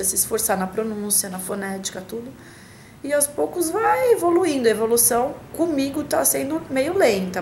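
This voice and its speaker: A woman's voice: on the high side, a little mellow, slight background noise, poor audio. Chatty Brazilian woman vlogging from home. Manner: chatty, hesitant, many restarts and fillers. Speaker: vlogger answering a tag. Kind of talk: casual talk to camera.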